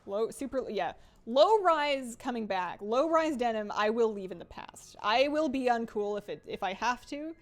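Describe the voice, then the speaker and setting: A woman in her late twenties talks through her live game stream in a loose, self-deprecating way, reading out chat messages as they arrive. Her voice sits a little high and swoops up and down a lot as she rambles. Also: expressive, normal speed. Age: 20s. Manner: chatty, self-deprecating, reads chat aloud.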